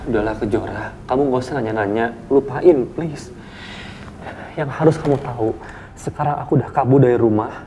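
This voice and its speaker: [name] is a young man doing a troubled, evasive boyfriend from a TV soap who pleads and snaps in quick, rushed speech. His voice has a warm, mellow tone. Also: medium pitch, a little hiss or hum, natural voice. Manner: pleading and irritable. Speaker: actor in a TV soap. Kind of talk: TV soap acting.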